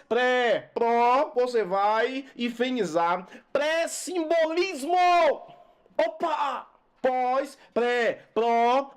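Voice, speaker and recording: Slow emphatic male grammar teacher. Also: very high-pitched. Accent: Brazilian Portuguese. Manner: emphatic, repetitive, plays the student's questions himself. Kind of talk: grammar lesson to camera.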